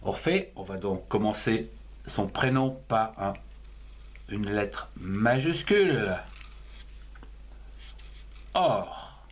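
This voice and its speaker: A man leads a writing lesson at a very slow, deliberate pace, spelling each word out letter by letter. His pitch moves a lot, rising and falling as he stresses each syllable. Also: lively intonation. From France. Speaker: writing teacher.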